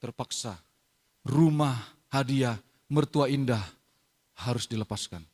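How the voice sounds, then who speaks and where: A middle-aged man preaching a sermon as pastor, moving from soft, confiding storytelling to loud, emphatic proclamation. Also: medium pitch, unhurried.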